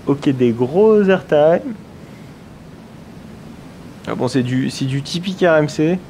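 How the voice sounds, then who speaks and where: A man's voice: on the high side, animated, slow pace, dark tone, slight background noise. A man giving chatty, enthusiastic let's-play commentary on a video game, thinking aloud as he goes.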